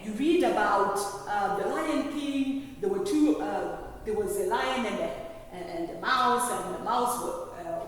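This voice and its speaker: A woman giving a classroom lecture, explaining step by step and often pausing to check that students understand. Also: a little high. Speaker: lecturer teaching trainee early childhood teachers. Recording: very echoey hall, distant mic, faint noise.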